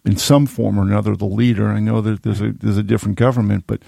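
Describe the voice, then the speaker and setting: A man's voice: on the low side, steady tone, fast, vocal fry, dark tone, no room sound, studio quality. A man in his sixties hosting a radio talk show, asking long, rambling questions full of restarts. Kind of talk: radio interview. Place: radio studio. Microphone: studio microphone.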